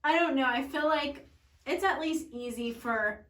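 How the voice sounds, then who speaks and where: A woman's voice: high-pitched, measured pace, fairly bright tone, echoey room, distant mic. A young woman co-hosting a reaction video, mostly chiming in with short agreeing replies. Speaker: YouTube reaction co-host. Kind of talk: casual reaction chat.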